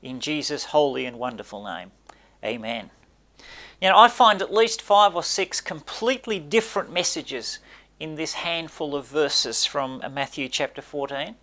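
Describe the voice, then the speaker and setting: An older pastor delivers a sermon in a small church, speaking to a camera. He preaches emphatically and gestures a lot, rising on key words and sinking his voice low at the close of each point. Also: normal speed, bright, forceful tone. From Australia. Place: small indoor church space by a brick wall.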